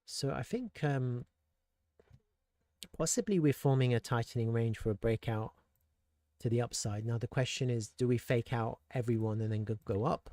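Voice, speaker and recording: A man's voice: mid-range voice, normal speed, warm tone, no echo. Man musing over crypto charts. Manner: thinking aloud, rhetorical asides, frequent restarts. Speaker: crypto market analyst. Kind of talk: casual market commentary.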